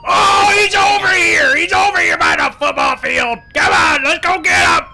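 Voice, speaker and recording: Boss Hogg, shrill bossy villain. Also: male voice, huge pitch swings, normal speed, sharp tone, raised voice, some chatter behind, a little hiss or hum, full character voice. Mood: impatient, furious. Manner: barking orders, whiny. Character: impatient, bossy Southern county boss, male villain. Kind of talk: improvised comic game roleplay.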